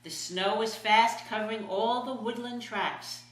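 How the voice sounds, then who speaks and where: Older woman, sweet grandmotherly storyteller, unhurried and expressive, recorded in an echoey room. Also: a little high. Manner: expressive, dramatized reading. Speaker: grandmother reading to her grandchild. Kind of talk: reading a children's storybook aloud.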